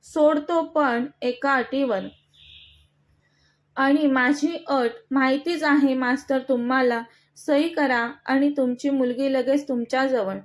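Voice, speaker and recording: A woman's voice: high voice, fairly even intonation, slow pace. A woman voicing an arrogant, menacing young male villain who taunts and threatens in a storybook reading. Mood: cold. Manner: mocking, threatening.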